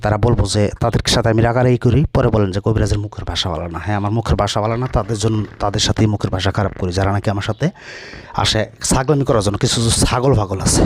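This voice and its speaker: A fast-talking man with a lowish voice, speaking as a folk healer in an instructional video. His delivery is blunt and scolding, and he slows down to chant spells. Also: darkish tone.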